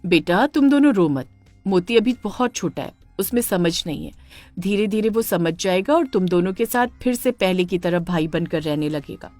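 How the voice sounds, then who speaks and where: A woman voicing a gentle, loving stepmother cow who soothes the children in a cartoon story. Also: lowish voice, expressive, moderate pace, dry recording, faint music behind, close to an everyday voice. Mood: soothing. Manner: soothing and reassuring.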